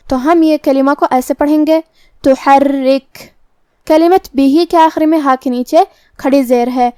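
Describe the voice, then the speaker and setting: A woman's voice: sits high, darkish tone, no echo, clean studio sound. A woman teaching Quran recitation rules in a methodical way, explaining each letter step by step. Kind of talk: tajweed lesson, explaining rules.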